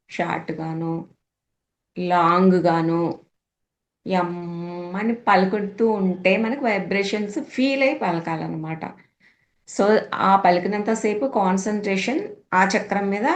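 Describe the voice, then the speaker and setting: A woman teacher patiently explaining meditation practice step by step, mixing English words into her talk. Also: mid-range voice. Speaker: spiritual teacher. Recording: echoey room.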